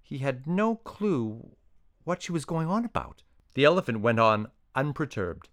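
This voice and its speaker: A man narrating a children's story in an even, descriptive way. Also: medium pitch, measured pace, no echo, studio quality.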